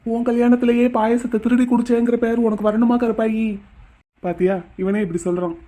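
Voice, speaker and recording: A woman voicing a teasing young village man in a cartoon, quick and mock-dramatic. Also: on the high side, little pitch movement, dark tone, lightly acted. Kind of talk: Tamil cartoon voice acting.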